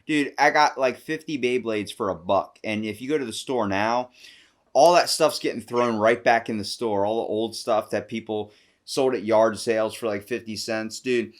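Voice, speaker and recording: Man, podcast host, casual chat, excitable, slangy. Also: fairly low pitch, normal speed. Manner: excitable, slangy, says dude a lot.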